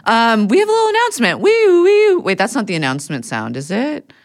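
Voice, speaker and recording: A woman's voice: medium pitch, huge pitch swings, quick pace. A woman co-hosting a podcast, chatting casually and jokingly through an ad read, giggly and teasing. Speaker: podcast co-host.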